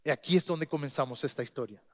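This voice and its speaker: Male pastor, high voice, lively storytelling sermon. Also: quick pace. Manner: lively storytelling with joking asides.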